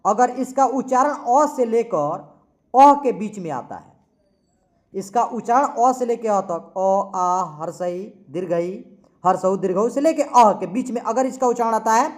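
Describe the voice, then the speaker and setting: In a classroom English grammar lesson, a man with an extremely high-pitched voice speaks slowly and repeats himself. He spells words out letter by letter and answers his own questions.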